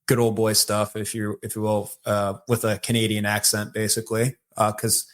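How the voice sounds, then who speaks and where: A man with a Michigan accent, a podcast guest telling his life story in a relaxed, rambling way with many fillers. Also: lowish voice, normal speed. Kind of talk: casual storytelling conversation.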